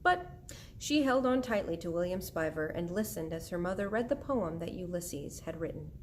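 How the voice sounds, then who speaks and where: A woman narrating a children's book aloud in a gentle, even storytelling manner. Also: fairly low pitch, moderate pace, slight background noise. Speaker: audiobook reader.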